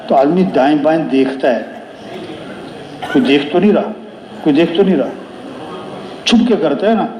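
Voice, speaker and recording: This sermon of moral counsel and storytelling comes from a male preacher with a mellow, high-pitched voice. He uses repeated phrases for emphasis and a rhetorical question-and-answer style. The room sound is echoey and reverberant.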